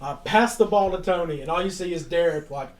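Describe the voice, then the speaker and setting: A man telling stories in a casual podcast chat, animated and laughing as he acts out quotes. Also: a little high, fairly quick. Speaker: podcast host.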